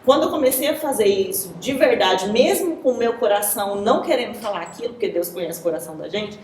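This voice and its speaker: A woman's voice: mid-range voice, animated, fast talker, darkish tone, a little hiss or hum. Earnest young woman in an echoey room. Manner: earnest, heavy use of "assim" and "sabe". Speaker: interview guest. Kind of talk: emotional personal testimony.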